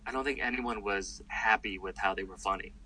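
A slight hiss or hum runs under this low-quality recording of a male comedian being interviewed. His voice is on the low side and fairly quick, and his loose, lively talk is full of fillers and restarted sentences.

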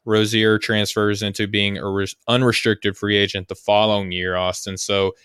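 Flat, clear-voiced male podcast host. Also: fairly low pitch, moderate pace, no room sound, studio quality. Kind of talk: casual sports talk.

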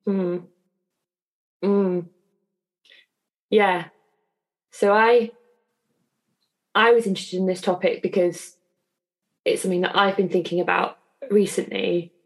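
A woman co-hosting a podcast, talking in a reflective, casual way with frequent pauses and fillers. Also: mid-range voice, fairly even intonation. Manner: thoughtful, hesitant, many fillers. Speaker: podcast co-host.

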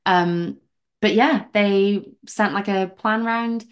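A young Englishwoman appears as a guest on a podcast, telling her story in a relaxed, casual interview. She is animated and chatty, with plenty of "like" fillers, and her mid-range voice moves at a slow pace.

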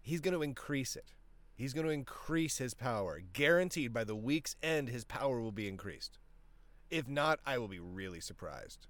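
A man's voice: mid-range voice, normal speed, dry recording. A man hosting a casual political commentary podcast, talking with many restarts, with a tickle in his throat that makes him cough. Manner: animated, talks with frequent restarts. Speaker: podcast host.

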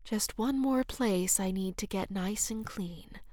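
A woman reading a teasing, breathy young woman. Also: mid-range voice, slow pace, mellow, dry recording, clean studio sound. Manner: breathy, teasing, half-whispered.

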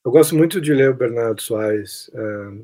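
A podcast host with a Brazilian accent chats casually and reflectively about literature in a mellow, medium-pitched voice at normal speed. Now and then he hesitates while searching for words.

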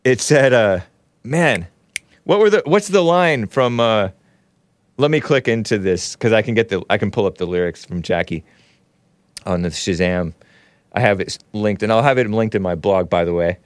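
A man hosts a casual livestream, reading viewer chat aloud in mock voices, tossing in jokey asides and chuckling often. His voice is on the low side and expressive, at a moderate pace, in a dry recording.

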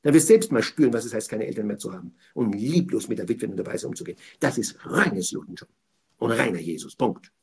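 Gravelly, fervent man preaching on scripture. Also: on the low side, animated, quick pace. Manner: passionate, preachy, swings from murmuring to loud outbursts. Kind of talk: weekly Torah commentary.

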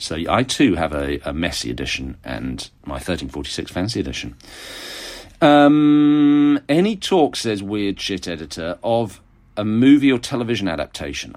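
A man, an author answering readers' questions in a wry, chatty way, his voice croaky with vocal fry and hoarse from a cold. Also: low voice. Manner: wry, chatty, self-mocking. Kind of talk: casual monologue answering audience questions.

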